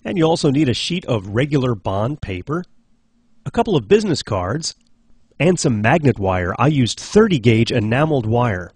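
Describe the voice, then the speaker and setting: A man hosts a DIY project show, narrating scripted how-to instructions clearly, one step at a time. His mid-range voice is very animated and a little mellow at a moderate pace, recorded dry.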